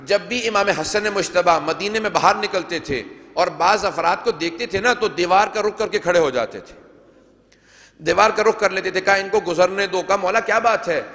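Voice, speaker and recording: A man's voice: high-pitched, a bit bright. A man preaching a majlis sermon, declaiming and retelling narrations with quoted dialogue. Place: large hall with long reverb. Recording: echoey reverberant hall.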